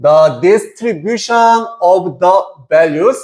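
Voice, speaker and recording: A man teaching an English reading lesson, asking and answering his own questions and drawing out English words slowly. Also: sits high, expressive, darkish tone. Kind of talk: lecture.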